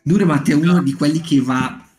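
A man's voice: on the high side, brisk, a little mellow. Chatty man with faint music behind. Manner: chatty, hesitant with many fillers and restarts. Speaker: streamer leading a writing group. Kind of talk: casual live-stream chat with book reading.

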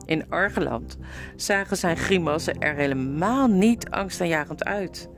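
A woman narrating a children's storybook in a lower voice with wide, animated swings of pitch. Her reading is expressive and lively, with faint music playing behind. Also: measured pace. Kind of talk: reading a children's novel aloud.

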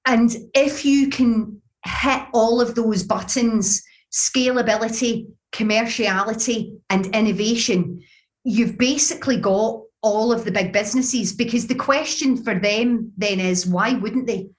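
A woman's voice: fairly high pitch, unhurried. A woman with a Glaswegian accent giving conversational interview answers, explaining her points with examples. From Scotland. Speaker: business founder, interview guest.

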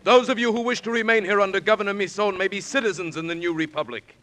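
An actor playing a commanding, sardonic French navy captain in a formal, deliberate 1940s radio operetta style. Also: male voice, high voice, close to an everyday voice. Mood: commanding, grave. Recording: noisy, clicky vintage radio broadcast.

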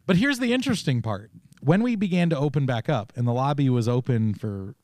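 A man's voice: mid-range voice, lively intonation, brisk, a little mellow, no echo. A man co-hosting a casual faith podcast, telling stories with many restarts and asides. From Oregon, United States. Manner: rambling, storytelling with many restarts. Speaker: podcast co-host.

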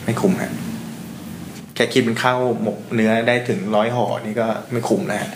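A man's voice: lowish voice, fairly even intonation, fairly quick. Joking man in an echoey room. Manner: playful, joking, laughs often. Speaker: podcast host. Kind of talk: casual food podcast chat. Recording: echoey room with faint noise.

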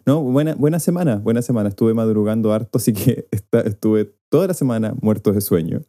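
Low, wry man. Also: a little fast, warm tone. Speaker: podcast co-host. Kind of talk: casual chat.

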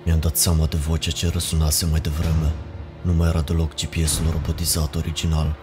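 Deep-voiced man narrating a horror story. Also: completely flat delivery. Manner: measured, ominous storytelling. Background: music.

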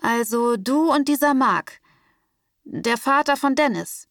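A woman voicing a suspicious, hot-tempered young male dealer who talks in crude street slang and snaps loudly. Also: high voice, animated, slow, slight background noise, pitched above the performer's own voice, exaggerated voice. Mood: wary.

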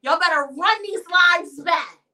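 A woman's voice: very high voice, unhurried, sharp tone, rough recording. A woman hosting a podcast in casual conversation, who talks emphatically and repeats words for effect. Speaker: podcast host.

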